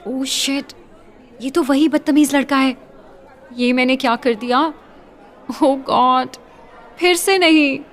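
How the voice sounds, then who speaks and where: A woman voicing a stubborn young college woman who speaks in a soft, pleading, hushed way. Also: high-pitched, measured pace, long pauses, some chatter behind.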